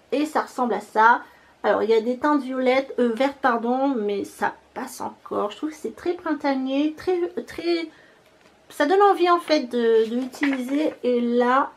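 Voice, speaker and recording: Chatty French woman with a high voice. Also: a little hiss or hum. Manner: chatty, rambling, laughs at herself, hesitant fillers. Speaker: beauty vlogger. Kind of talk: casual haul vlog.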